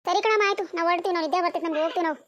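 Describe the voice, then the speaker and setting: A woman's voice: very high voice, rapid-fire, a bit bright, lo-fi sound. A woman voicing a fussy, preachy neighbor mother in a cartoon, gossipy and lecturing.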